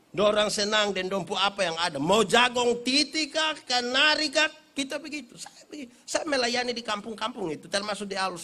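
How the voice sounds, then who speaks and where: A man with an eastern Indonesian accent preaching a humorous Christmas sermon, acting out stories in playful voices. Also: sits high. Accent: eastern Indonesian (Kupang Malay). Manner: animated storyteller, acts out villagers in funny voices. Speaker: pastor. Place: church or hall event, live.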